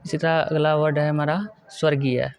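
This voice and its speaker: A male teacher giving a spelling lesson, working through words one by one and repeating each correct form slowly. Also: a little high, little pitch movement, darkish tone, clean tone. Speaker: Hindi grammar teacher. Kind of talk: exam-prep lesson.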